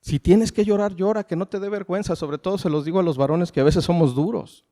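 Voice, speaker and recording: A middle-aged Mexican pastor preaches from the pulpit, his voice set a little high for a man yet dark and mellow in tone. He works through rhetorical questions and answers them himself. The sound rings with the long reverb of a large hall. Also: fast talker. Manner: preaching with rhetorical questions, calls the congregation "familia". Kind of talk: sermon.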